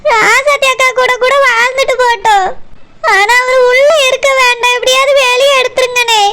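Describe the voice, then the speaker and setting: A woman's voice: extremely high pitch, steady tone, moderate pace, heavy background noise. Woman voicing a sobbing village wife. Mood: tearful pleading. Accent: Tirunelveli Tamil. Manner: sobbing, pleading. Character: young village wife, tearful and pleading. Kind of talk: cartoon voice acting.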